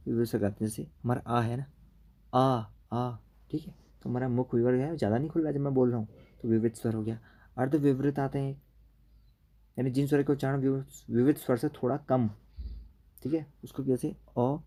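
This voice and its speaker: A man teaching an exam-prep grammar lesson. His voice is deeply dark and mellow, and his pitch sits in an ordinary middle range. He walks through each point patiently and keeps checking in with the class as he goes. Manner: explains step by step, tag questions like "ठीक है" after each point.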